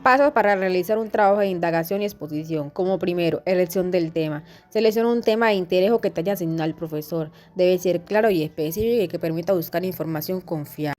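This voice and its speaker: A woman reading class notes aloud in a steady, instructional way. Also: on the low side, quick pace, few pauses. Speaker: student presenter.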